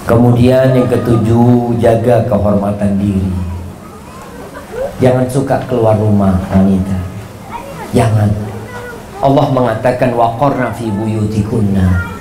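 A man preaching a sermon in an animated way, swinging his pitch and volume for emphasis. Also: a little slow, pauses often, echoey room, background noise.

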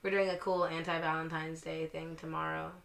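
A woman's voice: low-pitched, level tone, a little fast, creaky, crowd noise. A woman chatting casually as a podcast co-host, using lots of slang and swearing. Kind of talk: casual chat. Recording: echoey room, faint noise, clicks.

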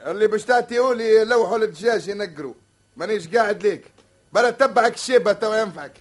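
An actor in an old radio show comedy playing an irritable, easily offended man with a Tunisian accent and a husky voice. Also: high voice, fast talker. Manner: indignant, quarrelsome. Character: irritable, threatening man quick to take offence.

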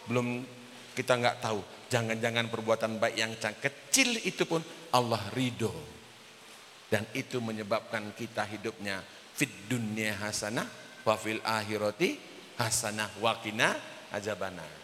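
A man preaching an Islamic sermon, telling a story with acted-out dialogue, his voice swinging between loud and soft, sometimes chanting Arabic phrases. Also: fairly low pitch, a little slow, a little hiss or hum. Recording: reverberant hall, faint ambience.

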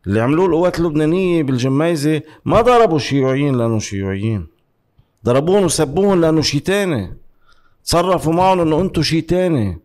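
Fast-talking, argumentative Lebanese man. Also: on the high side, animated, darkish tone. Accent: Lebanese Arabic. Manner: argumentative, interrupting, repeats words emphatically, asks rhetorical questions. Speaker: interview guest giving political commentary. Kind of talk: heated conversational political debate.

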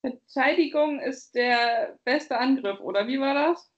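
This woman co-hosts a podcast from Bavaria, Germany, keeping the conversation loose, rambling and full of laughter. She speaks in a high voice, a little slowly, and the highs are cut off.

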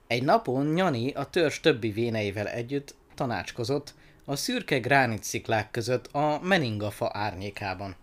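A man narrating a children's story aloud in an expressive, animated reading. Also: medium pitch.

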